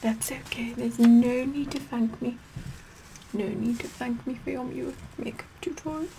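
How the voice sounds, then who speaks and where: A woman's voice: a little high, steady tone, measured pace, slight background noise, low-quality recording. A middle-aged woman playing a sassy, vain, condescending Queen Elizabeth the First in a whispered ASMR roleplay, repeating her words imperiously. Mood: haughty, vain. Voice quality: breathy whispering mixed with soft speech.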